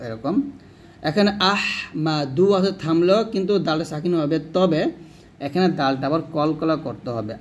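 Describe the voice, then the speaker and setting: A man explains the rules of Quran recitation patiently and step by step. He pauses to recite each example word slowly, stretching the sounds out. His voice sits a little higher than most men's. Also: a little hiss or hum.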